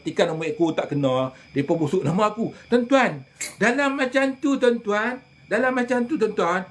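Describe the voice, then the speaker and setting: A man, a religious healer telling animated stories in casual chat, often addressing listeners directly. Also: high-pitched.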